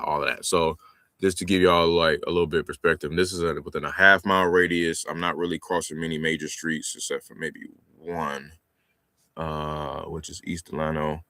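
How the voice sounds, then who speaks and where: A man's voice: sits low, sharp tone, no room sound, studio quality. A man in his forties hosting a live stream about real estate wholesaling, talking in a laid-back, slangy way and laughing often. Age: 40s. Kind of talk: live-stream sales calls and commentary.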